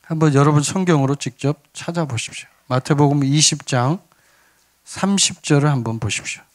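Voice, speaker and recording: A man's voice: fairly high pitch, fairly quick. A man preaching a sermon as pastor, earnest, sometimes acting out pleas and scolding.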